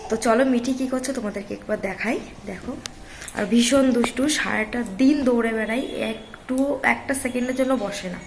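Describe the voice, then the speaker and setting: A hoarse woman with a cold, chatting casually in a home vlog and starting many sentences with "so". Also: a little high, brisk, slight background noise, low-quality recording. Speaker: vlogger.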